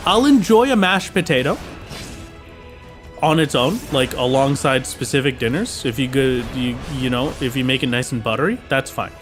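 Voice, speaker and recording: A man's voice: mid-range voice, fairly bright tone. An Irish man chatting casually on a live game stream, rambling with lots of "like" and "uh" fillers. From Ireland. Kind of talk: casual live-stream chat while gaming.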